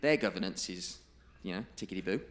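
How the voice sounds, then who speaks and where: Male conference speaker, lowish voice, presenting to a room with emphatic, deliberate stress. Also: lively intonation. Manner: emphatic, repeats key figures and quotes slowly. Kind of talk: presentation to a live audience.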